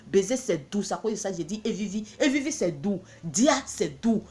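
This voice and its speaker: A woman's voice: mid-range voice, big pitch swings, normal speed, darkish tone. A woman from Benin, selling her own products in a blunt, emphatic promotional monologue full of repeated catchphrases.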